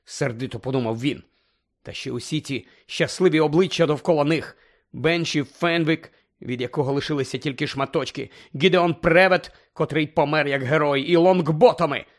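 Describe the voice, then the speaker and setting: Expressive man narrating a storybook. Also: a little high, moderate pace. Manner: dramatic, shifting tone with the story. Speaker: audiobook narrator.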